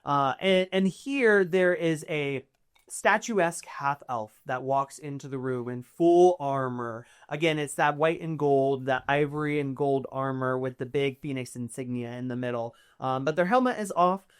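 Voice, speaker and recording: A woman's voice: a bass voice, normal speed, clear, resonant tone. A woman narrating a tabletop game as game master in a casual, chatty way with many fillers.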